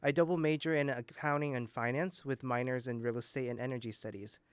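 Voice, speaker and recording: College guy from nebraska, smooth resonant voice, dead dry room, just lists his stuff. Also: medium pitch, steady tone, a little fast, no room sound. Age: 20s. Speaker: student panelist. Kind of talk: panel introduction.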